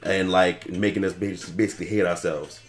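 A man's voice: low voice, fairly even intonation, a little fast, crowd noise. A man from the United States, co-hosting a podcast in casual chat, who rambles and restarts as he works through his thoughts. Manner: rambling, restarts often, reflective. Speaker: podcast co-host.

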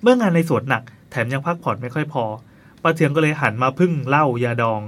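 A man's voice: on the high side, expressive, fast, fairly bright tone. A man narrating a ghost story in a casual, chatty way, tossing playful asides to his co-host.

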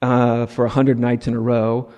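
A man's voice: mid-range voice, flat delivery, moderate pace, warm tone. Man giving a spiritual talk in a hall. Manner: conversational, frequent "right?" asides, light laughter. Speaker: spiritual teacher. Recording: long hall reverb.

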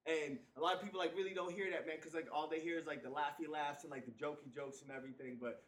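A man's voice: fairly high pitch, fairly even intonation, quick pace, a bit bright, a little hiss or hum. A man in his twenties hosting a casual, profane podcast chat, rambling with constant "like" fillers. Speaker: podcast host. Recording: echoey room, distant mic.

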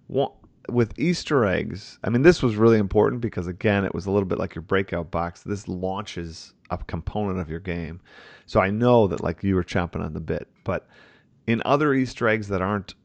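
Deep gravelly male host, dry sound. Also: moderate pace, a little mellow, dry recording. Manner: reflective, enthusiastic, thinks aloud with fillers. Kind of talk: conversational commentary.

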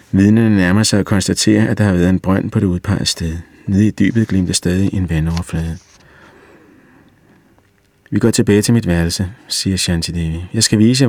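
A man reading a story aloud in calm, even audiobook narration. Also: sits low, dry recording. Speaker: reader.

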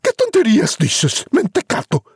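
A man voicing a furious, scolding peasant mother in a storybook, shrieking high. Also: huge pitch swings, unhurried, breathy edge, dry recording, studio quality, exaggerated voice.

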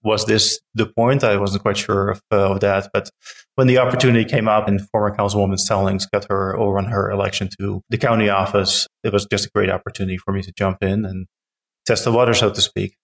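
A man's voice: fairly low pitch, little pitch movement, a little fast, gravelly. A middle-aged man from the Netherlands, a town council member answering interview questions earnestly with frequent fillers and restarts.

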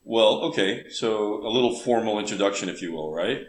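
A man's voice: on the low side, normal speed, over loud music. A man raised on the border between Texas and Mexico. He is a guest in a casual interview and explains his views earnestly, thinking aloud as he goes. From Texas–Mexico border region. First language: bilingual English and Spanish. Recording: echoey room with faint background noise.

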